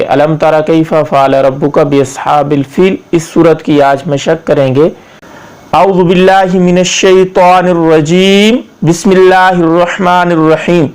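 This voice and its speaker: A man teaching Quran recitation, drilling slow chanted verses word by word and correcting common mispronunciations. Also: on the high side, a little mellow, smooth.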